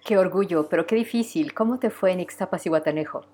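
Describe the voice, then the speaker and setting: Low-voiced woman host, quick and mellow. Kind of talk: interview questions. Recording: roomy sound, voice set back from the mic.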